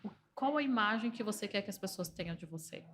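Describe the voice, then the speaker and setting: A woman speaking with a Brazilian Portuguese accent as a guest in a podcast conversation. She talks in an animated, persuasive way and makes her points through anecdotes from work. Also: medium pitch, quick pace. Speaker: entrepreneur and organizational systemic therapist.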